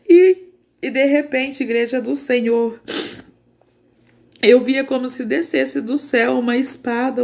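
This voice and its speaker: Gravelly Brazilian woman sharing a vision. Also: fairly high pitch. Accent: Brazilian Portuguese. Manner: fervent, repeats "igreja" and "louvado seja Deus". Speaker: church sister sharing a prophetic vision. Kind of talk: religious testimony and scripture reading.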